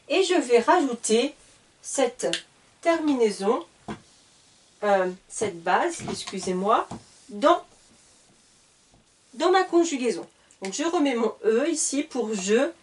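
A patient woman teacher explains grammar at a whiteboard, taking her time over every word. Her voice sits a little high and is heard from some distance, as if from a camera across the room. She spells endings out letter by letter and stops to correct herself. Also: expressive, slow, pauses often. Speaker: French teacher. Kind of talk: slow whiteboard grammar lesson. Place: classroom at a whiteboard. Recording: voice a little far from the mic.

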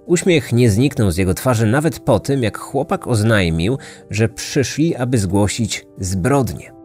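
A man reading a scripted true-crime story in a measured, dramatic way. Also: medium pitch, lively intonation, a little mellow, soft background music. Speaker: podcast narrator.

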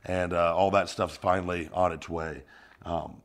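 Low-voiced man in casual podcast chat. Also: steady tone, normal speed. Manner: loose, rambling, drops into goofy put-on voices. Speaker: podcast host.

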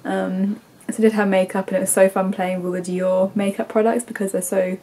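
In her bedroom, a young English vlogger in her twenties chats casually to a camera held at arm's length. Congested with a stuffy nose, she rambles with lots of ums and likes. Her medium-pitched voice is level and dark, and she talks a little fast.

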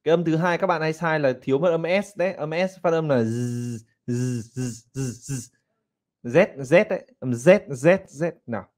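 A man with a Vietnamese accent teaching English pronunciation online, animated and slowing down to demonstrate and repeat words. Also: a little high.

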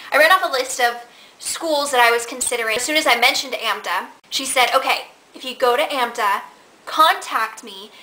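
This vlogger, a Nebraskan in her twenties, has a voice on the high side and shares stories in a relaxed question-and-answer format. Sitting in her living room before a camera at desk distance, she chats animatedly and gestures with her hands, captured on a low-quality recording.

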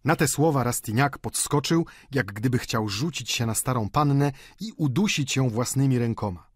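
A man narrating a classic novel audiobook in a measured, expressive storytelling manner on a close mic. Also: medium pitch, breathy edge, no echo.

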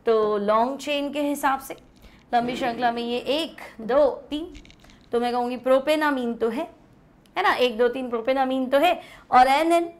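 A woman from India teaches chemistry at the board with a high voice. She takes each step slowly, repeating the key terms and asking her class questions that she then answers herself.

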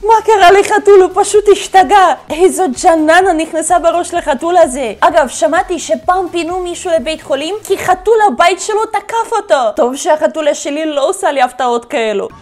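High-voiced woman reacting to funny clips. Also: few pauses. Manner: laughs often, exclaims and talks back at the clips. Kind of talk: casual reaction commentary.

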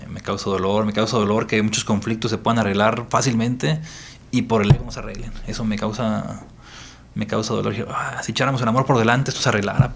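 Earnest gravelly-voiced Mexican priest. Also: male voice, fairly low pitch, a little hiss or hum. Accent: Mexican Spanish. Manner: earnest, repeating phrases for emphasis. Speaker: priest guest. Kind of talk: reflective interview talk.

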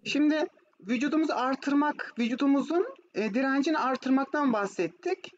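A woman with a Turkish accent and a high-sitting voice teaches German online at a moderate pace, switching between Turkish and German as she explains and asks checking questions. The class is a video call with screen share, and the audio is muffled and noisy.

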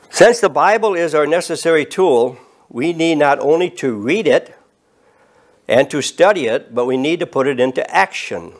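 A man of eighty preaching an earnest, measured sermon from a podium and rising in emphasis on key words. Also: on the high side. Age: 80s. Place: studio set with bookshelves and flags.

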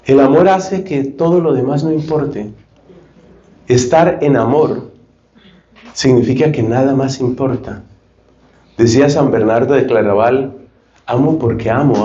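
Man preaching a sermon, vivid storyteller, mid-pitched voice, roomy room, dull sound. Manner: lively storytelling, acts out dialogues. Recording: roomy, slightly dull recording.

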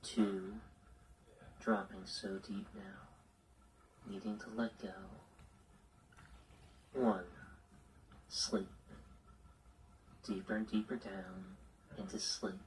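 A man guiding a listener into hypnosis with slow, soothing, repetitive suggestions. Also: lowish voice, flat delivery, distant mic, a little hiss or hum, low-quality recording. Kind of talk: guided hypnosis induction.

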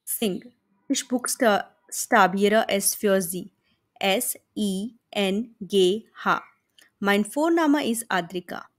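A German teacher with an Indian accent and a mid-range voice plays a polite, hopeful young Indian woman seeking a job. The scripted learner dialogue is lightly acted, slow and carefully pronounced.

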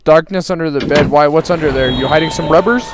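A man's voice: fairly high pitch, fast, heavy background noise. A young man streaming a horror game, reacting in a scared, joking way, jumpy, pleading and rambling crudely. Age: young adult. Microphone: headset. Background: loud game music.

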